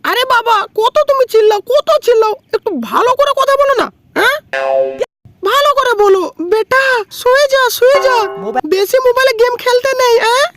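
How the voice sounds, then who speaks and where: A woman's voice: brisk, faint music behind. A woman voicing a talkative, mischievous young son in a comedy cartoon. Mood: coaxing. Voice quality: very high squeaky child voice.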